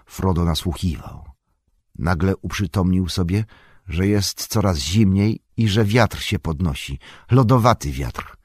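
Deep husky male storyteller. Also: dry recording, studio quality. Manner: measured, expressive storytelling. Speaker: audiobook narrator. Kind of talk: scripted narration of a fantasy novel.

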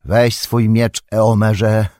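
A man's voice: fairly low pitch, level tone, extremely slow, dark tone, dry recording, clean studio sound. A man voicing a proud aged king who has regained his strength, speaking sternly and rousing his riders in an audiobook. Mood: commanding. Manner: stern, rousing battle call. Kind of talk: audiobook character voice.

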